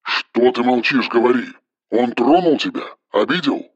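Мужчина озвучивает сурового холодного начальника, который говорит по телефону резко, отрывисто и повелительно. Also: male voice, medium pitch, animated, moderate pace, slightly rough, no room sound, muffled recording. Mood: angry. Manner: harsh, clipped, commanding. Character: stern cold male boss on the phone. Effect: phone voice.

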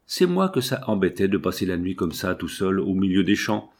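A man reading a storybook and voicing a cocky teenage boy with a raspy voice, breezy and mock-ceremonious. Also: low voice, sing-song, normal speed, heavily acted. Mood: cheeky.

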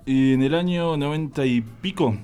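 In a radio studio, a band member guest with a smooth, mellow, medium-pitched voice jokes and tells stories at a normal speed. He is playful and laughs a lot, with faint music behind him.

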